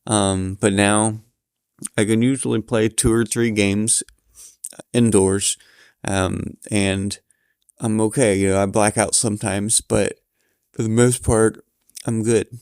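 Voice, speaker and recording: A tired man candidly talking through his thoughts while lying in bed, pausing and restarting as he goes. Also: lowish voice, level tone, a little mellow, clear, resonant tone, dry recording, studio quality. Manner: tired, halting, reflective. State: sleepy, yawning. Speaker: vlogger recording his thoughts. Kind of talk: candid personal monologue.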